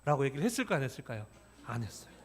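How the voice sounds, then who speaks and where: A man in his thirties, a pastor preaching a sermon, asking the congregation rhetorical questions and dropping into hushed asides. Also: medium pitch, big pitch swings, racing, slight background noise.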